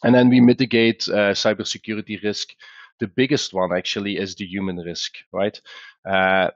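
A man from a company's founding role, speaking with a Belgian accent, walks through a webinar conversationally, often hesitating on "uh" and beginning sentences again. His lowish voice keeps a level tone, and the audio is dull with no echo.

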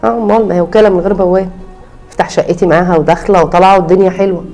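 A woman's voice: on the low side, steady tone, rapid-fire, warm tone, faint music behind, close to an everyday voice. A woman voicing an irritable, complaining pregnant young wife with an Egyptian Arabic accent in a cartoon. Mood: fuming. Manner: complaining, exasperated.

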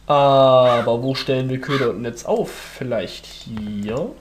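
A man's voice: medium pitch, little pitch movement, normal speed, slight background noise. A man hosting a let's play with casual commentary, thinking aloud in fragments.

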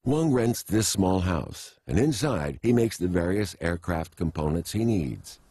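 A man reading scripted documentary narration in a measured, even way. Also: low-pitched, slightly rough, dry recording. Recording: faint music behind.

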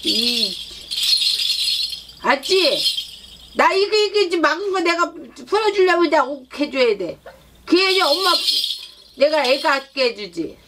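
A petulant child spirit, pitched extremely high, whining and coaxing with endless little tag questions, as a woman shaman channels it. The spirit pouts and sulks, demanding gifts in a small, needy voice. Loud noise and a shaking rattle sit under the voice. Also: sing-song, a little slow, pauses often. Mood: whiny pouting. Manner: whiny, pouting, coaxing with repeated tag questions. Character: sulky demanding child spirit, whiny and pouting.

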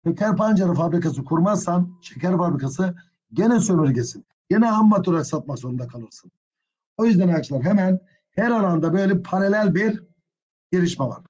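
Male history teacher, husky and fairly high, dull lo-fi class audio, indignant asides. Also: expressive, fairly quick, a little mellow. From Turkey. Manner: addresses students as friends, gets openly indignant. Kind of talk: exam prep history lecture.

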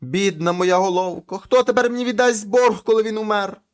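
A man's voice: sits high, brisk, clean tone, pitched above the performer's own voice, lightly acted. A man voicing a greedy rich brother. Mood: lamenting. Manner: plain folk-tale speech.

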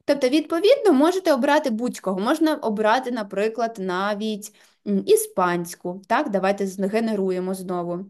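A woman giving a patient, step-by-step software tutorial, leaning on filler words as she goes. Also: mid-range voice, normal speed.

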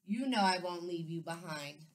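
A woman's voice: fairly low pitch, moderate pace, lightly acted. A woman teacher voicing an eager young boy who keeps cheering on his twin brother, in a lifted, cheerful storybook read-aloud voice. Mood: reassuring.

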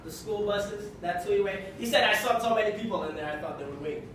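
A young man from Kenya performing a stand-up routine in a small comedy club, with a wry, conversational delivery and deadpan punchlines. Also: high-pitched, fast, noisy background. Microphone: handheld mic, filmed from far in the audience. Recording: echoey club from far off with audience laughter.

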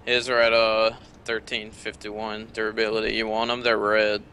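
A man's voice: on the low side, monotone, normal speed, sharp tone, slight background noise. A man playing an online game with a friend, casually and practically talking through loot and items.

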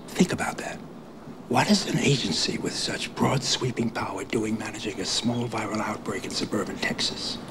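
An actor playing a paranoid older conspiracy writer who talks in a hushed, urgent whisper, heard from a worn VHS tape copy. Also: male voice, fairly low pitch, moderate pace. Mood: conspiratorial. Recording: hissy worn videotape copy.

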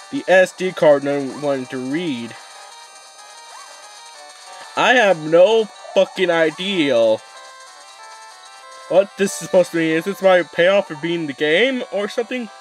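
Young man rambling over game music. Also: fairly high pitch. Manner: rambling, swears a lot, restarts often. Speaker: gaming YouTuber. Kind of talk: casual let's play commentary.

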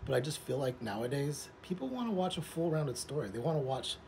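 A man in his forties with a mid-to-low everyday pitch talks to camera like a vlogger. He rambles informally from one thought to the next. The recording is made outdoors, with clear ambient noise around the voice. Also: big pitch swings, fairly quick, darkish tone. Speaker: vlogger, social media content creator. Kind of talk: casual vlog chat to camera. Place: outdoors, in a pool.

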